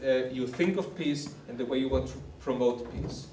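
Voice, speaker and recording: A man's voice: medium pitch, moderate pace, warm tone, a little hiss or hum. Man giving a formal closing speech. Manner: formal, encouraging, repetitive phrasing. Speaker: camp organizer. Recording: roomy hall from a distance.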